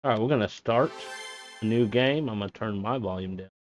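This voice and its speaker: A man streaming a game from a small closet office, chatting casually in a monotone way, with many fillers. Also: fairly low pitch, a little fast, highs cut off, soft background music. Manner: self-described monotone, rambling with fillers. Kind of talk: casual live-stream chat.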